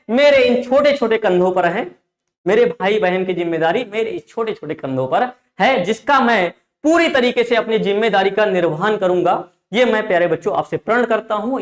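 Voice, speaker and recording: A man's voice: sits high, reverberant. A man teaching an online class, talking emphatically and repeating his phrases as he addresses the students. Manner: emphatic, repeats phrases, often calls listeners "dear children". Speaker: online tutor.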